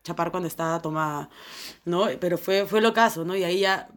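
A woman's voice: on the low side, brisk. A young woman with a Peruvian Spanish accent, a podcast co-host telling a personal story in a rambling, slangy way full of fillers. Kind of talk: casual storytelling chat.

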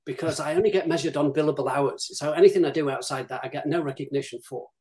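A business development director, appearing as a guest on a live-streamed interview, gives emphatic advice and acts out what his clients tell him. He talks fast in a slightly high voice with a darkish tone.

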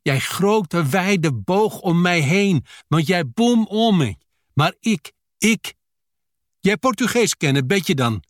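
Man putting on a sharp-tongued Brazilian widow. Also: high-pitched, expressive, takes it slowly, no echo, studio quality. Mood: prickly. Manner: blunt, clipped broken grammar. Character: fierce Brazilian widow in broken Dutch.

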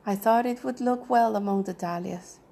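A woman's voice: mid-range voice, normal speed, creaky, mellow. Woman reading as a fussy, reserved retired banker.

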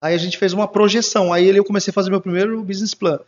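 A man's voice: high-pitched, steady tone, very fast. A man guest in an interview, telling his life story casually and acting out quoted dialogue. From Brazil. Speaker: entrepreneur guest. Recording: muffled lo-fi recording.

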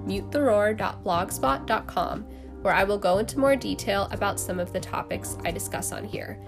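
A young adult woman hosting a solo podcast in a casual, chatty way, with frequent laughs and fillers. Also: medium pitch. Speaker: podcast host.

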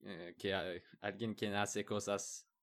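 A man talking very slowly in a relaxed chat, pausing to hunt for words and restarting them. His voice is smooth and clear throughout. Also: on the low side. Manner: hesitant, frequent restarts and searching for words. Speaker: conversation partner. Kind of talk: casual chat in a learned language.

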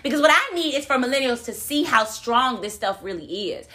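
Bright, lively woman talking faith. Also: sits high, fairly quick. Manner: lively, preacherly emphasis. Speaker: podcast co-host. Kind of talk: casual faith talk.

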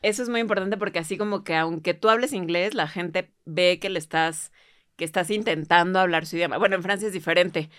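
A woman with a Mexican Spanish accent, a podcast host who chats casually and backs her guest up with quick agreement. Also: on the low side, a bit bright, no room sound, clean studio sound. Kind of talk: casual conversation.

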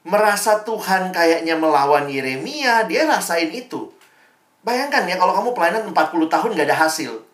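A man's voice: fairly high pitch, fairly bright tone. A young man giving a casual devotional talk to a campus fellowship, chatty and informal, with slangy asides and tag questions. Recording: echoey room.

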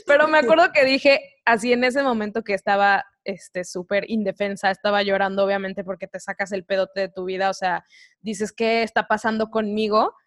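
A woman's voice: medium pitch, steady tone, moderate pace, a bit bright. A young woman with a Mexican accent tells a personal story in a candid, slang-heavy podcast chat. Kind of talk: casual chat.

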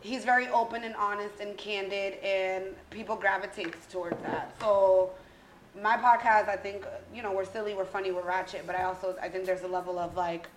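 A woman in her thirties hosts a casual group conversation. She speaks at a middling pitch and is candid, jokey and freely profane. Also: fairly even intonation, a little fast, reverberant, slight background noise, low-quality recording. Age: 30s. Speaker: podcast host.

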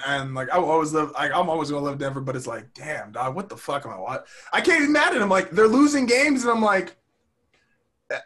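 A man co-hosting a casual podcast, ranting and swearing in excited bursts. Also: fairly high pitch. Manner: animated, swearing, rants in bursts. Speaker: podcast co-host. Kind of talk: casual chat.

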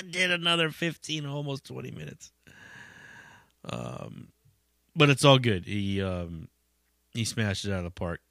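Middle-aged male podcast host, loose and profane, close dry mic, bright edge. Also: mid-range voice, no room sound. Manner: profane, rambling, laughs often. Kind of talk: casual monologue.

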